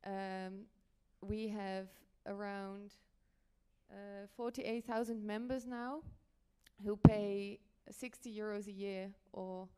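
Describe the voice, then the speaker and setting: A Dutch woman presenting as an editor on a conference panel speaks in a smooth, clear, mellow voice of medium pitch with a steady tone. Her explanations come haltingly, with pauses and rewording along the way.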